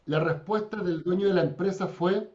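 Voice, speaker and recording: A man's voice: high voice, moderate pace, darkish tone. A man teaching a church class, telling stories and acting out the people in them. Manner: storytelling, acts out quoted people with raised voice. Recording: dull lo-fi recording.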